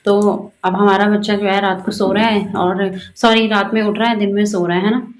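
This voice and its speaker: A woman's voice: medium pitch, level tone, moderate pace. Chatty young pahadi woman vlogging. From Garhwal, Uttarakhand. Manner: chatty, rambling, many fillers. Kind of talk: casual vlog narration. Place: home kitchen.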